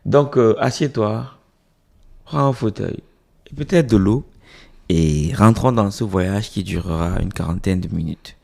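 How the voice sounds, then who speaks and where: A man hosting an interview in a casual, lively way, joking and often repeating the guest's words back. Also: lowish voice, unhurried, creaky. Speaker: interview host.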